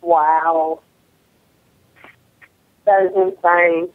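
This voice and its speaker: A woman's voice: on the low side, level tone, very slow, no echo. Blunt, matter-of-fact female co-host heard over a tinny, dry phone line. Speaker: co-host, wrestler. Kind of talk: casual radio chat.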